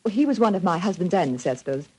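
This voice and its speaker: Lady Clavering, lilting husky aristocrat. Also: lowish voice, lively intonation, fast, mellow, low-quality recording. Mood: genteel, coy. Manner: polite, coquettish, genteel. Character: Lady Clavering, charming, coy, self-possessed aristocratic lady. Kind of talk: 1940s radio acting.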